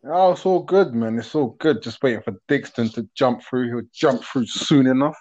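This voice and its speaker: A man's voice: medium pitch, moderate pace, darkish tone. A man in his thirties with a London roadman accent, chatting casually and matily in street slang as a podcast host. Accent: London roadman, urban slang. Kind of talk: casual chat. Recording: dull, band-limited voice call audio.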